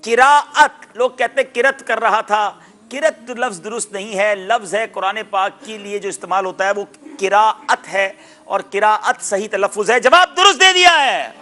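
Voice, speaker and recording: A man hosting a TV quiz show, lively and loud when he announces correct answers, explaining pronunciation like a teacher. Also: high-pitched.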